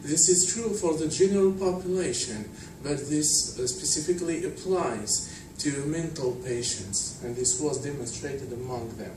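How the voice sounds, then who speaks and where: A man from Tunisia giving an academic conference talk, measured and explanatory with frequent fillers. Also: a little high. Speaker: conference speaker. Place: conference hall. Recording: distant, echoey hall with noise.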